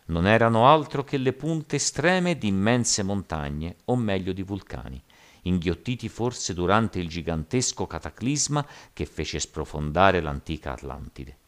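A man voicing a stern older sea captain, explaining things in a measured way, in an audiobook reading. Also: sits low, lively intonation, voice pushed up.

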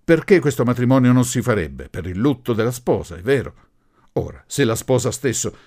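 A man voicing a forceful middle-aged professor who speaks loudly and imperiously. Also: medium pitch, sing-song, fairly quick, voice pushed up. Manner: imperious, insistent, loud.

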